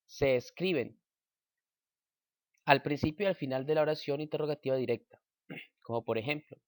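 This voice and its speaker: A man reading a grammar lesson aloud at a slow, measured pace, giving example sentences. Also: fairly high pitch, darkish tone, no room sound, studio quality. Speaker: teacher.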